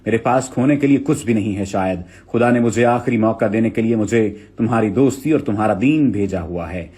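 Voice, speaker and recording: Man voicing a remorseful enemy commander, husky, pleading, urgent, repeats himself, dramatic reading. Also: fairly low pitch, brisk, dark tone. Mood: earnest.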